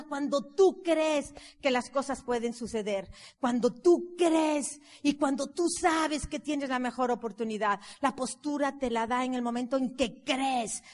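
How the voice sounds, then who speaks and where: A woman giving a motivational seminar talk on network marketing, emphatic and building up with repeated phrases. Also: high-pitched. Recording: long hall reverb from a live talk.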